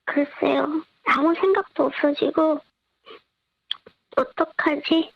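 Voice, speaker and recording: A small online seller interviewed over a line, voice disguised with a pitch-shifting effect, answering quietly and plainly. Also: steady tone, slow pace, vocal fry, dry recording. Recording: dull lo-fi line.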